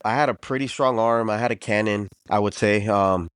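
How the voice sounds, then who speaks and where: A man's voice: on the low side, fairly quick, clear, resonant tone, no room sound, studio quality. A man in his thirties from Los Angeles, a podcast guest chatting in an easygoing, laid-back way. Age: 30s. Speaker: podcast guest, delivery driver. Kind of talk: casual chat.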